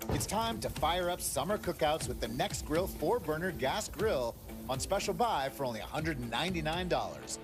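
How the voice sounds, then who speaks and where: A man's voice: a little high, big pitch swings, moderate pace. A man reading a scripted retail ad as an upbeat commercial announcer. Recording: loud music bed. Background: music.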